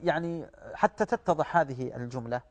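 A man's voice: on the high side, animated, brisk. A man speaking as a guest religious scholar, explaining in a didactic, rhetorical way in formal Arabic. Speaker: guest Islamic studies scholar.

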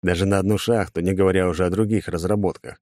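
Low-voiced male audiobook narrator. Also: fairly even intonation, fast talker, a little mellow, dry recording, clean studio sound. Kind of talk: first-person audiobook narration.

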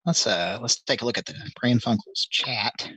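A middle-aged man hosts a live call-in stream, rambling through casual chat full of ums, restarts, and wry self-deprecating asides. His mid-range voice moves at normal speed and sounds pushed and bright with a breathy edge. The audio is poor but has no echo.

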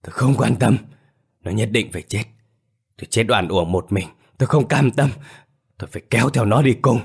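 A man's voice: medium pitch, brisk, gravelly, breathy edge, pitched above the performer's own voice. A man voicing the hissing, bitter ghost of a young man who died wrongly. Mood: vengeful. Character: vengeful young male ghost possessing his cousin.

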